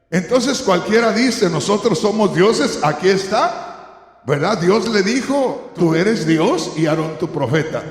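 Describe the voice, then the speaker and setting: A man preaching a sermon as pastor, putting rhetorical questions to his listeners. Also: high-pitched. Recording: echoey hall.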